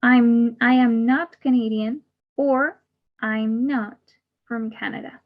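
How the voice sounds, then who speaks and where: A woman teaches a bilingual English grammar class, repeating each example and then translating it. She speaks slowly in a slightly high, steady voice, and the audio is muffled and lo-fi.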